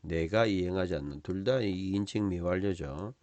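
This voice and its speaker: A man teaching a Bible lesson on Hebrew words, explaining each one slowly with many fillers and tag questions. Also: deep voice, darkish tone, no echo.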